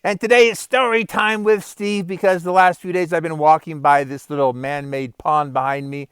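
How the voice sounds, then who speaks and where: A man's voice: mid-range voice, clean tone, dry recording. A middle-aged man, a vlogger and life coach, telling a funny story and giving life advice outdoors by a pond in a chatty, upbeat way. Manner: upbeat, chatty, chuckles often.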